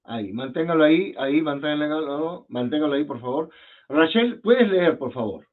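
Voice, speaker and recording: A man's voice: on the high side, lively intonation, normal speed. A man with a Peruvian Spanish accent teaching an online French class, patiently repeating words and asking students questions over a video call. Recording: phone-like video call audio.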